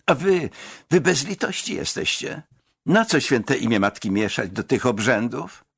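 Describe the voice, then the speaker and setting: A man's voice: medium pitch, sing-song, a little slow, vocal fry, slightly rough, dry recording, clean studio sound, heavily acted. A man voicing a distraught young student who reproaches his elders, for an audiobook. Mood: anguished. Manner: anguished outburst.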